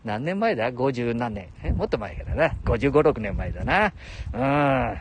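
A man's voice: mid-range voice, big pitch swings, normal speed, slight background noise. An older man in his seventies with a Nagoya-area Japanese dialect, rambling and chuckling on a solo livestream. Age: 70s. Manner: chatty, laughs often, talks to himself. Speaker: livestream host.

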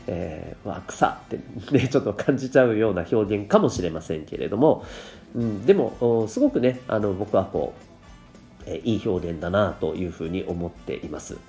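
A parenting coach on his own podcast explains things politely, his voice stuffed up and nasal from dust and rhinitis. It's fairly low, gravelly and mellow. Echo from the room and quiet music colour the recording.

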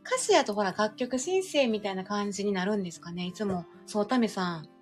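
A woman with a Kansai accent co-hosting a casual couple's live stream, chatty and quick to laugh as she reads out listener comments. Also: medium pitch, expressive, soft background music. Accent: Kansai Japanese. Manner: chatty, laughs easily, frequent backchannel nods.

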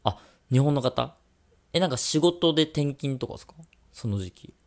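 A man's voice: mid-range voice, animated, moderate pace, a little mellow. A man co-hosting a radio-style podcast, chatting casually and teasing his co-host with jokes. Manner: teasing, joking banter.

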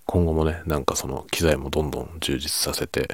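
A man chatting casually and quietly, as if late at night, in a soft, low-volume voice that sometimes drops toward a whisper. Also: steady tone, fairly quick, no echo. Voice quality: low, gravelly, husky. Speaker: video creator and host.

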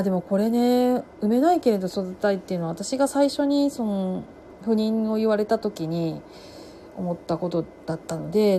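A woman's voice: fairly low pitch, creaky, slight background noise. A middle-aged woman talking casually about books she has read, chatty and full of fillers. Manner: chatty, many fillers, lively swings in loudness. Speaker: podcast host reviewing books. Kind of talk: casual solo talk.

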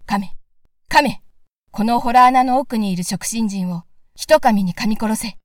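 A woman's voice: medium pitch, moderate pace, a little mellow, no room sound, studio quality, recorded from a distance, close to an everyday voice. A woman voicing a brave young man who gives bold orders to his dogs. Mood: commanding. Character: brave young man hero, calm and commanding.

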